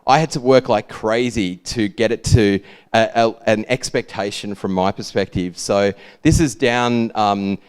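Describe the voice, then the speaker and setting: Laid-back Australian man with a clear voice. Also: lowish voice, unhurried. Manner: laid-back, lazy drawl. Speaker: speaker presenting own brand work. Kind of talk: informal conference talk.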